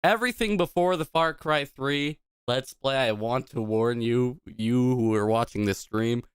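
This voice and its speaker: A man's voice: mid-range voice, unhurried, clear, resonant tone, dry recording, clean studio sound. A tipsy man, a gaming streamer, chatting casually on a live stream into a desk microphone, rambling, swearing casually and laughing at himself.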